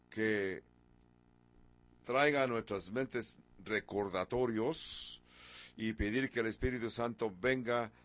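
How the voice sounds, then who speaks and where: A man in his sixties preaching a sermon, firing off rhetorical questions and pushing certain words with sudden emphasis. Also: fairly low pitch. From from abroad, a country once ruled by an emperor. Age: 60s.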